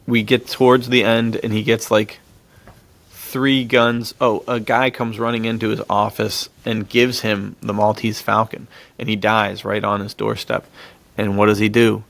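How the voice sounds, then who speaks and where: His voice sits on the low side, gravelly and a bit bright, with no echo. He's a podcast co-host casually discussing films, retelling plots in relaxed slang and laughing easily.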